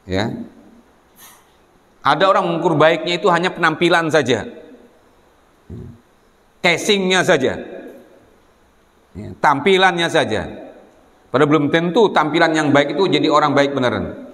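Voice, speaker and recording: An Indonesian preacher at an Islamic boarding school delivers a sermon to students in a reverberant hall. His fairly high, slightly bright voice is expressive and moves at a moderate pace with frequent pauses. He teaches didactically, posing rhetorical questions and prompting listeners to answer, while the hall adds a long echo.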